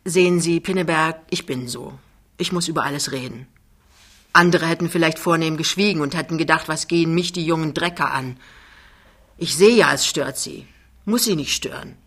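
Reader doing a big loud know-it-all guy, chatty and overbearing, bright sound. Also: medium pitch, moderate pace. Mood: confiding. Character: big blustering talkative man.

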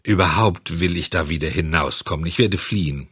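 A man's voice: low voice, normal speed, fairly bright tone, slightly rough, no room sound, clean studio sound. A man voicing a frightened wooden puppet boy who wails and pleads. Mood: determined. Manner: wailing, pleading.

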